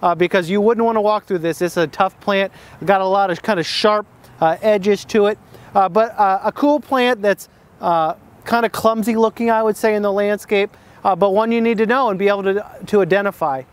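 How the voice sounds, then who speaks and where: High-voiced man giving an outdoor plant lesson. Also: fairly even intonation, brisk, clear, resonant tone. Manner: unscripted, many "uh" fillers and restarts. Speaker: plant identification host.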